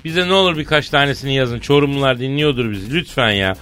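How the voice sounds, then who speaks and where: A man with a Tokat-Elazığ Turkish accent hosts a morning radio comedy show. He talks at an everyday pitch, theatrical and teasing, with sing-song flourishes. A loud music bed plays behind him. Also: fast talker, clear, resonant tone. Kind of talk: comic morning radio banter.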